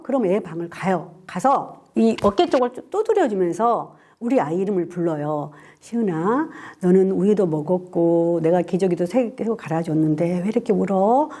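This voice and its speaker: An older Korean woman lecturer, telling a parenting story to camera in a lively, animated way with asides to the listener. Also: a little high. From South Korea.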